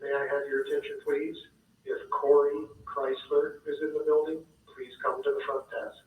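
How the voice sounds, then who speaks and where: A soft lobby loudspeaker announcement from a man with a fairly high voice, delivered in a flat, polite, even tone. It sounds tinny and phone-like, as if carried over a public address system. The voice comes from far off in an echoey space, with faint ambient hum behind it. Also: normal speed. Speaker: building front desk announcer.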